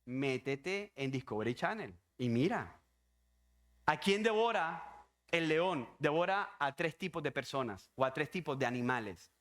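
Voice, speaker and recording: Emphatic pastor preaching. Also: male voice, on the high side, expressive, unhurried, fairly bright tone. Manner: emphatic, repetitive preaching with rhetorical questions. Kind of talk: sermon.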